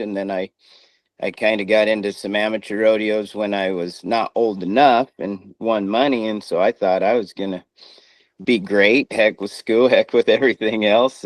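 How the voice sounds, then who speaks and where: A man's voice: on the low side, dry recording. A middle-aged man who speaks through missing front teeth, chatting casually in an interview in a folksy, plain-spoken way. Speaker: former rodeo rider and coach.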